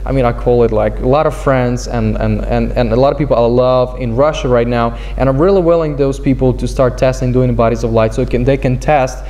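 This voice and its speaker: A man from Ukraine with a Ukrainian accent, a talk show guest speaking earnestly in halting sentences with many restarts. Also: medium pitch, steady tone, dark tone. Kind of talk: casual talk show chat. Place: indoor studio set with couch. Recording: studio with long reverb, faint hiss.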